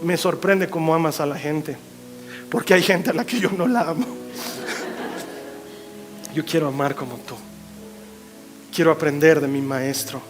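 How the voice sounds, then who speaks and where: Male pastor, bright high voice, expressive sermon delivery, soft music underneath. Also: a little slow, long pauses. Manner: expressive preaching, swinging from loud to hushed.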